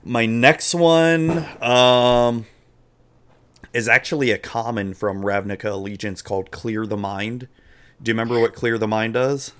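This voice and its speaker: A man's voice: medium pitch, fairly even intonation, a little slow, a bit bright, clear, resonant tone. A man co-hosting a casual podcast chat, laid-back and joking, often trailing off with fillers. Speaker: podcast co-host. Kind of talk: casual chat about a card game.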